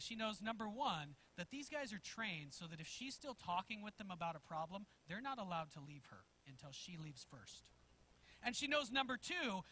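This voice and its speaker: High bright-voiced guy preaching, animated storyteller pastor, chuckles a lot. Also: slight background noise. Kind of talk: sermon. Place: church sanctuary.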